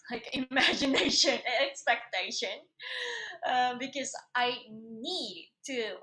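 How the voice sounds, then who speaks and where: A young woman from Japan, a singer chatting casually on her live stream, animated and quick to laugh. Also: fairly high pitch.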